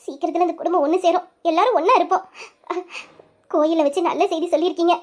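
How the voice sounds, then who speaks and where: A high young voice playing a grieving young wife who blames herself over her brother, in a tearful, pleading manner. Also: fairly even intonation, quick pace. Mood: hopeful. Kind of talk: Tamil family-serial storytelling.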